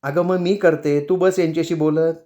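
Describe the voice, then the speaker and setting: A man's voice: on the high side, steady tone, normal speed, dark tone, pitched above the performer's own voice, close to an everyday voice. A man reading the lines of a chatty, teasing middle-aged woman friend in a storybook. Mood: friendly.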